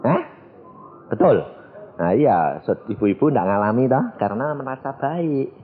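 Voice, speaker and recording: A male evangelist preaching a sermon, telling a story in an animated way and acting out the voices. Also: mid-range voice, measured pace, slight background noise. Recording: tinny phone-like sound.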